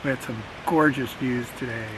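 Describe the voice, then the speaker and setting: A man's voice: medium pitch, fairly even intonation, normal speed. Man recapping a hike outdoors. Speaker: backpacker recapping the day. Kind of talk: casual chat. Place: outdoor campsite on a mountain. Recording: outdoor hiss and stream noise.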